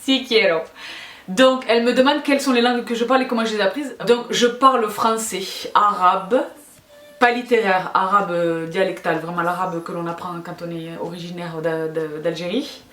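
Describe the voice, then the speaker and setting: Faint music plays behind a woman whose medium-pitched, fairly bright voice keeps a fairly even intonation at a moderate pace. Hosting a video, she answers followers' questions in a casual, affectionate, emphatic way, often repeating herself; the sound is echoey and roomy.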